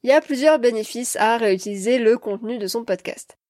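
A woman's voice: on the high side, fast talker, a little mellow, dry recording, clean studio sound. A woman hosting a podcast, talking upbeat and straight to her listeners. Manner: upbeat, direct address to listeners. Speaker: podcast host. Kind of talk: scripted podcast talk.

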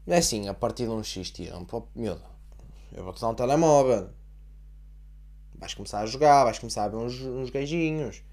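Profane young Portuguese podcaster rambling. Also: male voice, mid-range voice, animated, normal speed, darkish tone. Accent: European Portuguese. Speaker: podcast host. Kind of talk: casual solo podcast monologue.

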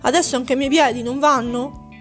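A woman's voice: sits high, fairly even intonation, moderate pace, faint music behind, voice pushed up, natural voice. A woman voicing an insecure, easily hurt young male hare with a plaintive, defensive way of talking, in a storybook reading.

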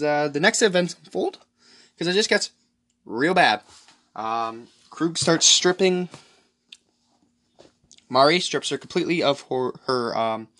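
Guy doing a solo podcast, bright sharp voice, rambles and swears a lot, keeps clearing his throat. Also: medium pitch. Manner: rambling, profane, many fillers. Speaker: podcast host. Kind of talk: solo podcast movie recap.

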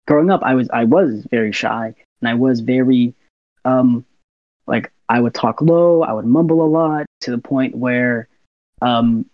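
A young man, a university student, chatting as an interview guest, soft-spoken and quick to laugh as he acts out little scenes. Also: mid-range voice, dry recording, highs cut off. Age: young adult. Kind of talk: casual interview chat.

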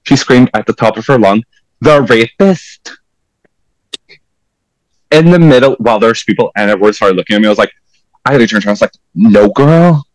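A man from Portugal with a Portuguese accent, guesting on a podcast and chatting casually, animated and quick to jump into high exclamations. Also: dry recording, low-quality recording. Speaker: podcast guest, drag performer. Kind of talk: casual chat.

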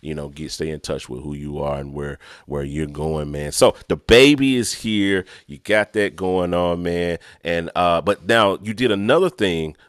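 A man's voice: deep voice, measured pace, few pauses, no echo, studio quality. A middle-aged man hosting a podcast, talking in an earnest, reflective way with many restarts. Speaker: podcast host. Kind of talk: casual chat.

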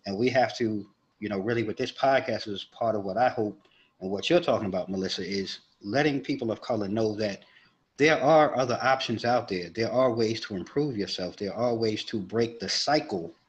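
A man from New York talks on a podcast with a fairly low voice. He is earnest and reflective, and he builds his points by repeating them. His tone is casual and conversational. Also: normal speed, dull audio. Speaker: podcast co-host.

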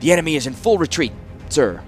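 A man's voice: on the high side, animated, fast talker, faint music behind, pitched above the performer's own voice, close to an everyday voice. A man reading an audiobook, voicing a dutiful male captain of the guard who reports in a formal, deferential military manner. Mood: reporting. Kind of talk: audiobook character voice.

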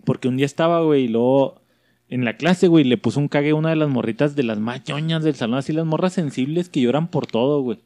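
A man's voice: fairly high pitch, quick pace, warm tone, dry recording. A young man with a Mexican accent telling slangy stories in a casual chat, acting out the people he quotes. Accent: Mexican Spanish. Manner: slangy storytelling, acts out quoted voices.

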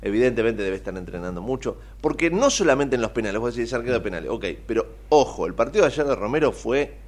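An Argentine man hosting a radio talk show, his pitch swinging widely as he tells stories. He talks in a loose, animated way and laughs often. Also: fast. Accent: Argentine (Rioplatense). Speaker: radio host. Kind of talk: casual chat.

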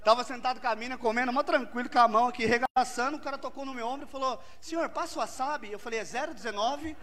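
A man doing a stand-up comedy routine on stage, telling a story loudly to a laughing audience. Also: extremely high pitch, fairly even intonation, very fast. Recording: live stage recording with loud crowd noise.

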